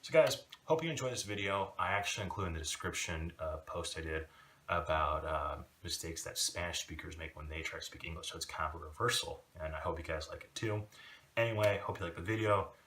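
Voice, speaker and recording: A man giving a casual video lesson, talking in a relaxed, rambling way with many fillers. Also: low voice, a little fast, recorded from a distance, slight background noise. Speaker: language teacher.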